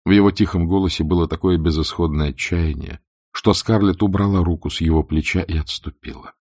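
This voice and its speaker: A male audiobook narrator with a very deep voice and a strong gravelly rasp. He reads in a measured, expressive way, and the recording is dry and close. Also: no room sound.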